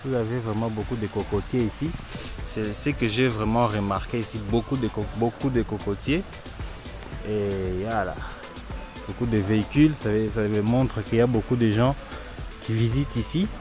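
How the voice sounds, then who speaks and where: A male vlogger from the DRC, with a voice on the low side at normal speed, conducts casual interviews outdoors at a riverside resort with music playing behind. He's chatty and switches among French, Lingala and English.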